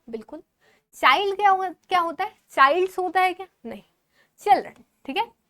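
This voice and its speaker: A woman's voice: extremely high pitch, fairly bright tone. A woman teacher giving an exam-prep lesson, asking questions and answering them herself, affectionately calling her students babu and mixing English words into her explanations.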